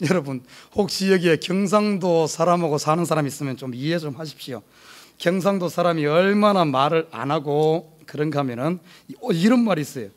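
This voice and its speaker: Storytelling pastor with a Gyeongsang accent. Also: male voice, on the high side. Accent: Gyeongsang Korean. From South Korea. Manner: storytelling with humor, lively and animated. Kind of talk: sermon with personal story. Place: church sanctuary.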